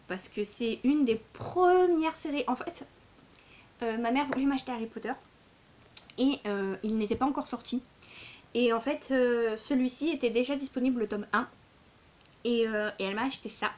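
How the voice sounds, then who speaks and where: A woman's voice: on the high side, darkish tone. A woman in her thirties, a book vlogger showing her purchases in a casual, gushing way, with many fillers and repeated words. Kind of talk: casual book haul vlog.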